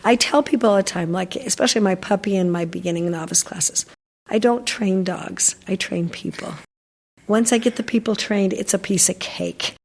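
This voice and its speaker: A woman's voice: mid-range voice, moderate pace, a little mellow, slightly rough, in a large hall. An older woman, a dog trainer, chatting in an interview and telling stories with lots of fillers and restarts. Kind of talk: casual interview chat.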